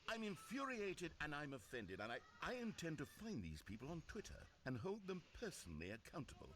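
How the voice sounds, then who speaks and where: A man's voice: on the high side, wildly swooping pitch, fairly quick, fairly bright tone, a little hiss or hum. A man playing a wry, needy game narrator, pompous and melodramatic as he addresses the player directly. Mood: indignant.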